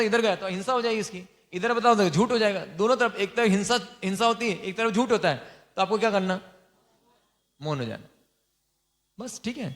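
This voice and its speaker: A man, a monk, gives an informal sermon on lay vows, teasing his listeners and quizzing them with quick repeated questions. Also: sits high, a bit bright.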